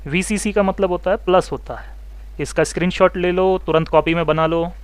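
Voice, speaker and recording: A man teaching mobile phone repair, explaining circuits step by step, asking students questions and telling them to take notes, and talking fast. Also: high voice, steady tone, clean tone, dry recording. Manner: talks fast, says so himself. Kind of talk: online electronics lesson.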